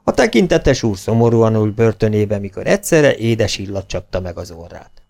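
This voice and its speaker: A man reading a children's audiobook aloud, expressive, dropping his voice on the narration tags. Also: on the low side, gravelly. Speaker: audiobook reader.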